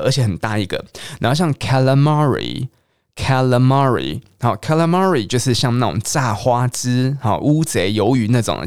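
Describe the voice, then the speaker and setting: A middle-aged man from Taiwan, teaching English in a chatty, lively way and mixing English words into his Mandarin. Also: mid-range voice, clear, resonant tone, dry recording, clean studio sound. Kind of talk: casual teaching monologue.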